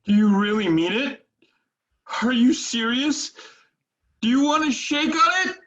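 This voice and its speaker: A woman's voice: fairly high pitch, expressive, unhurried, fairly bright tone, highs cut off. A woman voicing Captain Hook, disguised as a fussy, dramatic babysitter. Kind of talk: amateur radio play acting.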